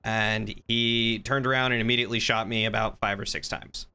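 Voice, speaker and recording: Man playing a clear, laid-back surfer-dude cop. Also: fairly low pitch, fairly even intonation, normal speed, sharp tone. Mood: unbothered, explaining. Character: chill, slightly dim surfer-dude police trooper, male. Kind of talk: improvised game role-play.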